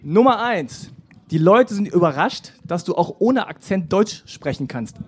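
A man's voice: sits high, expressive, a little slow, slightly rough. A man hosting a live podcast interview on an outdoor festival stage, casual and playfully teasing his guest. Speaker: podcast host.

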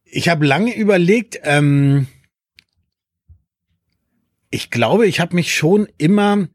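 A man who grew up in Berlin, talking in a relaxed conversation, thoughtful and sometimes emphatic. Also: fairly high pitch, slow, no echo, studio quality. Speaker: conversation partner. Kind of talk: casual chat.

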